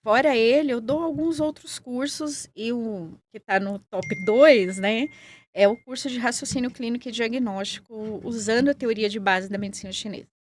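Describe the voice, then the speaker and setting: A woman with a São Paulo accent, answering interview questions in a measured, explanatory way. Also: a little high, slight background noise. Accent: Paulista Brazilian Portuguese. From São Paulo, Brazil. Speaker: guest, acupuncturist and nurse.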